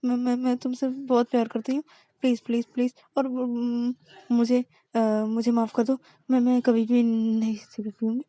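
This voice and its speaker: A woman's voice: a little high, little pitch movement, moderate pace, warm tone, no room sound, voice pushed up, lightly acted. A woman voicing a young woman who pleads and apologizes, stammering and repeating words. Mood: pleading.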